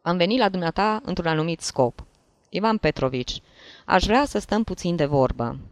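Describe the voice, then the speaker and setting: An anxious, easily wounded gentleman from a classic story, voiced by a reader. He pleads and protests in a wavering voice that leaps upward on key words. The recording is dry and close, with no room sound. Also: medium pitch, expressive, no echo, lightly acted. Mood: awkward pleading. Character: anxious, touchy middle-aged gentleman. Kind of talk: audiobook reading of a classic story.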